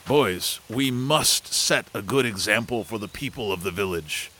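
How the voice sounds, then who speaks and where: A man's voice: lowish voice, animated, unhurried, bright, forceful tone, husky, exaggerated voice. An actor playing a wise, stern village chieftain instructing his sons in an audio drama. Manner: firm, fatherly instruction.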